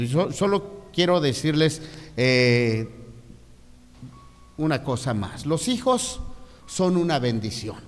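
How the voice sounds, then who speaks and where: A middle-aged pastor preaches in a loose, conversational way, checking in with his listeners again and again. His voice sits fairly high for a man, and it rings out with a long reverb like a big hall. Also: a bit bright. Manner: conversational, full of tag questions and restarts. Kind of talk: sermon.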